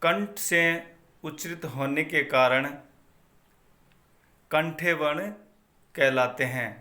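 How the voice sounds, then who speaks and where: A man gives a Sanskrit pronunciation lesson at a very slow, measured pace. His voice sits a little high and sounds bright and forceful. He chants the grammar rules and says each one twice. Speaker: Sanskrit teacher. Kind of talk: slow recited phonetics lesson.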